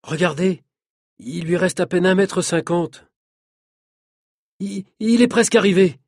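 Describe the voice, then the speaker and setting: A man voicing an excited young photographer in a storybook reading, with a husky voice. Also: mid-range voice, fast, dry recording, clean studio sound, pitched above the performer's own voice, close to an everyday voice.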